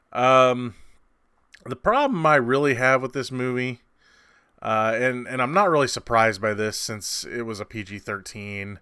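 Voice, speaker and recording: A man's voice: medium pitch, fairly bright tone, clear, resonant tone, no room sound, clean studio sound. A man hosting a casual movie review, rambling and conversational with many fillers and restarts, and sarcastic at times.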